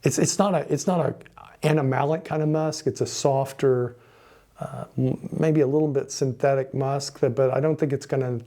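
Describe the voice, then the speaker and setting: Chatty man with a mellow voice. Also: mid-range voice, steady tone, moderate pace. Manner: chatty, rambling, swears under his breath at mishaps. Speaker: fragrance reviewer. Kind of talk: casual product review.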